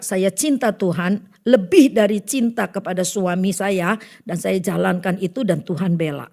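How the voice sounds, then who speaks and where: Lively woman preaching. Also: fairly high pitch. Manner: lively, conversational, calls on listeners by name. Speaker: preacher at a fellowship service. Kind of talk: sermon.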